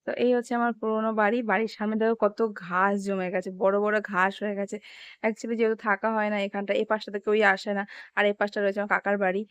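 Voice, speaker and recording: A young woman with a hoarse voice from a cold, chatting casually as she walks viewers through an overgrown garden. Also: mid-range voice, flat delivery, fast, no echo. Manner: chatty, pointing things out to viewers. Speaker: vlogger. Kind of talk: casual walking-tour vlog. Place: outdoors in a garden.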